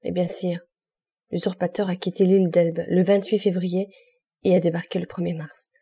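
A woman's voice: on the low side, little pitch movement, moderate pace, warm tone, breathy edge. A woman voicing a frightened, stammering male police minister in an audiobook. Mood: fearful. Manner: stammering, despairing.

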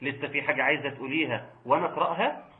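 A man with an Egyptian accent teaching Quran recitation rules online, reciting slowly and patiently correcting his students. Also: on the high side, phone-quality sound. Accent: Egyptian Arabic. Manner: slow drawn-out recitation of verse examples, patient corrections.

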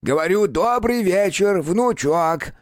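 A man voicing a small, furry, ancient house spirit in an audiobook, creaky and grumbling, teasing the boy he talks to. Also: medium pitch, wildly swooping pitch, moderate pace, dry recording, studio quality, pitched above the performer's own voice. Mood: grumpy. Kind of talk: audiobook character voice.

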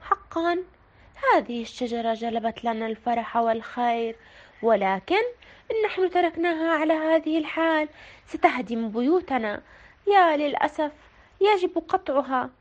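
A woman voicing a sorrowful male town mayor who speaks quietly. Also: sits high, expressive, moderate pace, muffled recording. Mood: sad.

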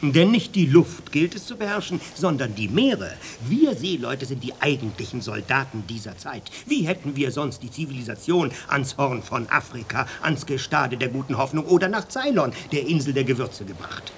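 An actor playing a pompous, patriotic French sea captain in a radio drama, declaiming proudly. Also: male voice, medium pitch, big pitch swings, normal speed, few pauses, slight background noise. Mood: pompous, boastful.

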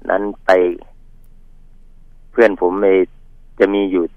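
A man from northeast Thailand telling the host a ghost story from his village in a halting, polite way, pausing and repeating words. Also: no echo, phone-quality sound. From Northeast Thailand, Mekong riverside. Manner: polite, addresses host as older brother. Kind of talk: casual spoken storytelling.

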